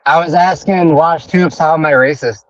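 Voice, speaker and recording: A man calling into a livestream over a connection that keeps breaking up, talking in relaxed slang. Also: on the high side, normal speed. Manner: laid-back slang. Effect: call connection breaking up. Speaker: caller on a livestream. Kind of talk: casual chat. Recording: dry muffled lo-fi call line.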